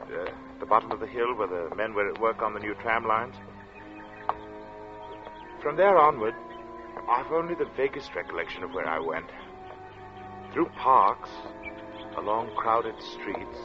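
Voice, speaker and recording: In a dull vintage radio recording backed by loud music, an actor plays a haunted, brooding male artist recalling an oppressive, strangely hot day. His mid-range voice sounds natural, yet the 1940s-style delivery stays deliberate and dramatic, full of weighted pauses.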